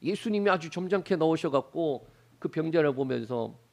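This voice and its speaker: A middle-aged pastor from Daegu with a Gyeongsang accent, preaching a Wednesday sermon, asking the congregation rhetorical questions and acting out voices. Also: male voice, a little high, expressive, moderate pace, gravelly, darkish tone. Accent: Gyeongsang Korean. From Daegu, South Korea. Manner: acts out Bible characters' lines in exaggerated voices. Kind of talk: Wednesday prayer service sermon.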